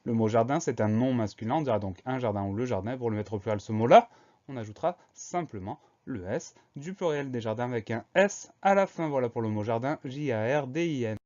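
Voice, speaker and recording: Expressive and a touch fast, a man with a medium, darkish voice teaches schoolchildren spelling, patiently spelling out each word letter by letter and repeating it. The recording is muffled and lo-fi.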